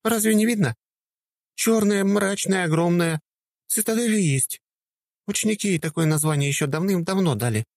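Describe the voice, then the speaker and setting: A man voicing a cheerful young woman student in an audiobook, lifting his voice high and lively. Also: normal speed, dry recording, studio quality.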